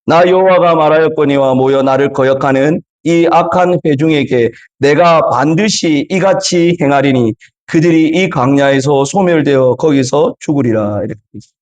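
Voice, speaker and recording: A middle-aged man preaching a Sunday sermon as pastor in a church, animated, swinging between loud bursts and soft asides and acting out quoted lines. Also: fairly high pitch, moderate pace. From South Korea. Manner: animated preaching, acts out God's and his own angry words. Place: church in a Korean congregation abroad.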